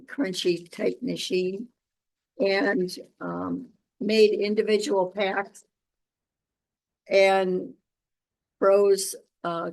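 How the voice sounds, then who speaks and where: An older American woman chatting casually, with halting, reflective, unhurried phrasing. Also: mid-range voice, vocal fry. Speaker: home gardening and food preserving vlogger. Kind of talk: casual chat to camera.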